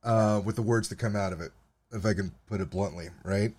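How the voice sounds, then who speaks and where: A man with a fairly low voice talks loosely on a podcast, rambling through long stories with plenty of fillers and restarts. He swears freely and keeps the tone casual. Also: fairly quick, a little mellow. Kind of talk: casual profane chat.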